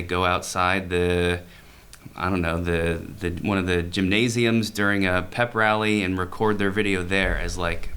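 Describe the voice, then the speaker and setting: A man's voice: low voice, fairly bright tone, clear, resonant tone. A man co-hosting an education podcast in casual chat, rambling and restarting as he explains ideas. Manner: rambling, self-correcting, laughs easily. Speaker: podcast co-host, teacher.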